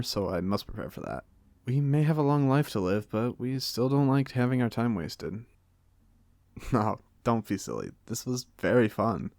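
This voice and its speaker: In an ASMR audio roleplay monologue, an American man puts on a British accent to play a genial, chatty, courteous centuries-old vampire being interviewed. His voice is low and a little mellow, natural and without echo, and he speaks politely in formal turns of phrase with a wry, conversational edge.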